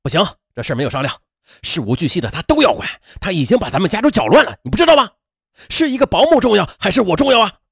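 A man's voice: sits high, sing-song, quick pace, creaky, slightly rough, no echo, clean studio sound, pitched above the performer's own voice, heavily acted. A man voicing an angry young husband who barks and scolds. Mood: furious. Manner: barking, scolding.

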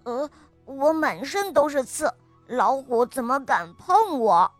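A woman's voice: sits high, takes it slowly, fairly bright tone, soft background music. A woman voicing a small, stubborn boy hedgehog who answers back in a huffy, indignant way.

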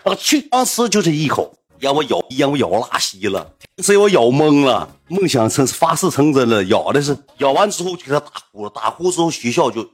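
A man's voice: medium pitch, very animated, brisk, husky. A young man with a northeastern Chinese accent telling a story in a casual, slangy, boastful way, acting out the voices.

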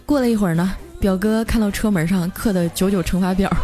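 A woman radio host tells a comic story in a lively, chatty way and draws out her little particles. Her voice sits at a middling pitch, over faint background music. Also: fast talker.

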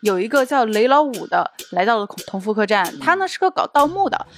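A woman's voice: fairly high pitch, sing-song, fast, slight background noise. A woman co-hosting a podcast, retelling scenes in casual chat and laughing between points. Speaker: podcast co-host.

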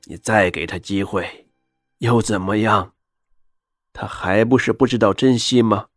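A man's voice: lowish voice, a little slow, no echo, studio quality, faint music behind. An actor playing a cold-blooded old male sorcerer who speaks curtly and with contempt. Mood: contemptuous. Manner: curt, contemptuous.

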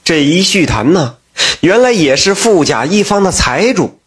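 A man narrating a folk tale in a lively, folksy manner. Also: fairly high pitch, normal speed, breathy edge. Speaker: storyteller.

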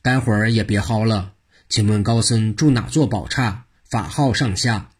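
A man's voice: fairly low pitch, moderate pace, slightly rough. A man voicing a pompous, stern prefect judge who questions officiously in a told story. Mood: polite.

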